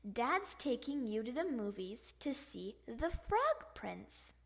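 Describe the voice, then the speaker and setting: Brief: woman doing a calm, patient mom frog, slow and sing-song, picture book. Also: a little high, creaky, full character voice. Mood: soothing. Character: gentle mother frog. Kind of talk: picture book read-aloud.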